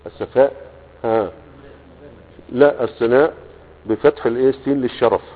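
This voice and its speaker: A man's voice: mid-range voice, fairly even intonation. A man with an Egyptian accent teaching a class. He reads passages aloud, explains them, and keeps asking the students whether they follow. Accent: Egyptian Arabic. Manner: keeps checking understanding with quick questions. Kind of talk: classroom lecture, reading a text aloud and explaining it. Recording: tinny, echoey lecture recording.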